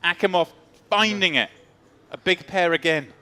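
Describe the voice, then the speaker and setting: A man's voice: high voice, normal speed, bright, forceful tone. A man doing live poker tournament commentary, narrating the action in short dramatic phrases over music.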